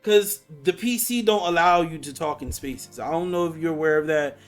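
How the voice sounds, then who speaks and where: Faint music runs under this man's fairly high voice as he speaks at a moderate pace. He's in his twenties, hosting a live online voice chat, and he picks fights casually with lots of slang and swearing.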